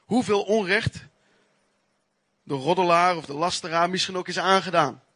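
A man preaching a sermon, telling his own testimony in an earnest, emphatic way with pauses and restarts. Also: high voice, pushed and bright, dry recording.

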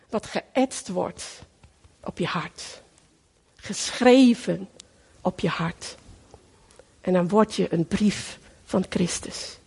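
A middle-aged woman delivers a sermon with fervent emphasis, often repeating a phrase. Her voice is high and breathy. She speaks slowly, and a long reverb trails off in the hall. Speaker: preacher.

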